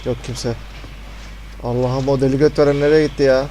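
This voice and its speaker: A man commentating a horror game, panicky and swearing, muttering prayers and often dropping to a hushed voice. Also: mid-range voice, flat delivery, quick pace, slight background noise, poor audio. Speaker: gamer.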